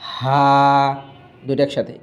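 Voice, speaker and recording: A man teaching a Quran reading lesson, spelling out letters slowly with long drawn vowels, then explaining quickly to his students. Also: faint music behind.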